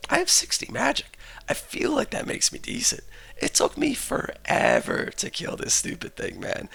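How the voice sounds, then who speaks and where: Hoarse young male game host, gravelly and raspy, bright and very animated delivery. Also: a little high. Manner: casual, chatty, jokey asides. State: hoarse, losing his voice. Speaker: gaming channel host. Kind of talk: game commentary voice-over.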